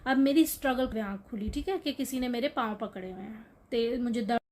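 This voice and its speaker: A young woman with a fairly high voice recounts a frightening night in a casual, conversational vlog. She explains things as if gesturing to the viewer, checking in with little asides, and her voice rises sharply when she relives the fear. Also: a little fast, a little mellow, a little hiss or hum. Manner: explains with gestures, frequent "theek hai" check-ins. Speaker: vlogger telling her own horror story.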